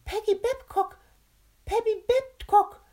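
A squeaky rattling captain. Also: female voice, takes it slowly, warm tone.

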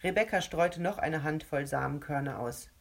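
A woman narrating a children's storybook in a calm, steady reading voice. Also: deep voice, normal speed, gravelly.

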